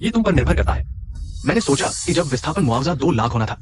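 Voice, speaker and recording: A man's voice: fairly high pitch, sing-song, quick pace, music in the background. A man dubbing a scheming village headman in a drama, speaking in an indignant, blustering way. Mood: lecturing. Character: scheming male village headman, quick to anger. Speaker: dubbing actor. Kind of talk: dubbed drama acting.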